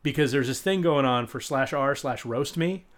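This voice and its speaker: A podcast co-host with a medium-pitched voice chats casually at normal speed, rambling and joking with many restarts.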